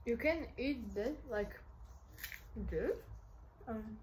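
A child cousin chewing while talking in a casual snack-tasting chat, with short halting sentences. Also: mid-range voice, darkish tone, a little hiss or hum. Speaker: cousin co-host.

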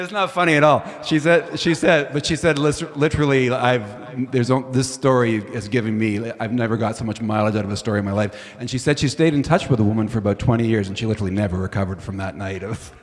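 A singer-songwriter, a man, chatting between songs at a live open stage, telling a long low-key anecdote in a rambling way. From Canada. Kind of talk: casual storytelling between songs. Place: live music venue stage, indoors. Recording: live room with long reverb and guitar.

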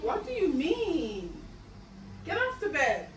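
A woman's voice: very high voice, wildly swooping pitch, takes it slowly, background noise. A woman hosting a casual home vlog, chatty and playfully scolding as she tidies. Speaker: vlogger.

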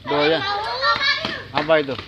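A woman chatting casually to viewers as a vlogger, calling out loudly and talking to the kids around her outdoors in a rural yard. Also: low-pitched, sing-song, takes it slowly, vocal fry, highs cut off, very noisy. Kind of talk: casual handheld vlog chat.

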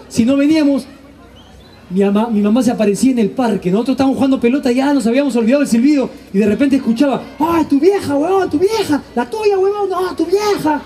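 A man's voice: extremely high pitch, mellow. A man doing a stand-up comedy monologue, telling stories animatedly and acting out his family's voices. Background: audience laughter.

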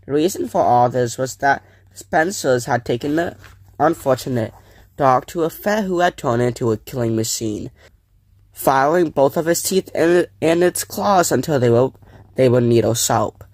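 A man reading a children's book aloud in a plain, steady storytelling voice. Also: mid-range voice, normal speed, no echo. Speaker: reader.

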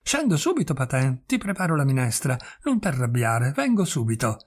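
A man's voice: medium pitch, very animated, normal speed, slightly rough. A man voicing a frightened, submissive widow who answers in a meek, anxious, pleading way.

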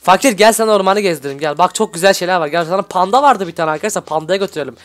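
A young man giving excitable, shouty gameplay commentary as a video host. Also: high voice, racing. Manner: excitable, shouty, constantly reacting. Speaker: gaming YouTuber host. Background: background music.

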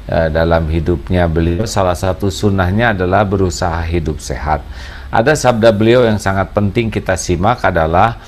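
A man's voice: low voice, a little hiss or hum. A middle-aged man giving an earnest religious talk to hajj pilgrims, stressing key words, recorded seated in a study with bookshelves. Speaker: preacher.

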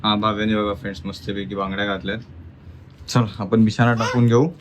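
Here the man sounds on the low side, flat and fairly fast, with background noise behind him. Talking to viewers of his family vlog, he's both coaxing and firm as he teaches his little one at mealtime.

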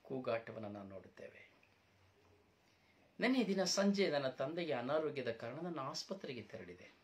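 A man preaching a sermon, telling a parable dramatically, swinging from loud outbursts to near-whispers. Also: mid-range voice, sing-song, normal speed. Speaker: pastor. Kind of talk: sermon storytelling.

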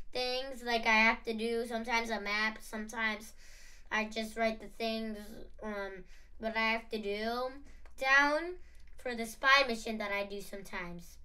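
A woman's voice: a little high, steady tone, takes it slowly, pushed and bright, clean tone. A young girl chatting as a podcast guest, rambling through make-believe with many "like" and "I mean". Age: young child. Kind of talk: playful chat, make-believe.

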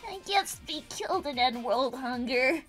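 Lady doing a cheeky little cartoon bee kid, high whiny voice, swoops around, music behind. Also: expressive, normal speed, fairly bright tone, husky, full character voice. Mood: chatty, reluctant. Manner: childlike, whiny, eager. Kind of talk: improvised in-character gaming banter.

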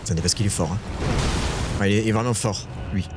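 A man's voice: lowish voice, fast, heavy background noise. A man giving casual live commentary while playing a game, chatting with viewers and swearing when frustrated. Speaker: streamer. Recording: game music playing behind.

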